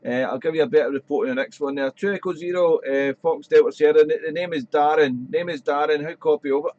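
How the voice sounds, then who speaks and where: A man's voice: a little high, quick pace, a little mellow. A man working as an amateur radio operator on a live stream, chatting informally and repeating call signs. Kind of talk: casual ham radio chat and call-sign calling. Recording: dull, roomy streamed audio.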